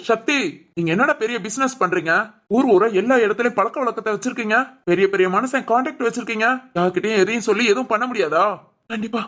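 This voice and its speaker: A rousing, commanding voice plays the family's elder uncle, as one performer puts him on in a cartoon drama. He scolds and rallies the relatives in a mid-pitched voice. The tone stays firm and authoritative throughout. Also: fairly bright tone, lightly acted. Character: older uncle, forceful head of the family. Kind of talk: animated family drama voice-over.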